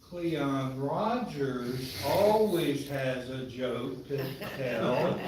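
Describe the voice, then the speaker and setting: Older guy cracking jokes at a club meeting, slow talker, big echoey hall, far from the mic. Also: mid-range voice, crowd noise. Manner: joking, self-deprecating. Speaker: club member filling in as tail twister. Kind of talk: casual banter at a club meeting. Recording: echoey hall from far off, loud background noise.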